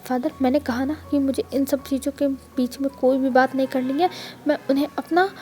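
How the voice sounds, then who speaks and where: A woman's voice: high-pitched, fairly even intonation, a little fast, warm tone, close to an everyday voice. A woman voicing a cold, possessive young man in a story retelling, curt and blunt.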